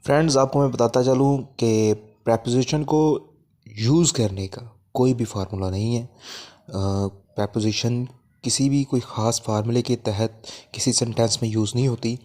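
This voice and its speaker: A man teaching an English grammar lesson, explaining in Hindi-Urdu with frequent fillers and reading English examples slowly. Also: mid-range voice, fairly even intonation, mellow. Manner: frequent "theek hai" and "a" fillers.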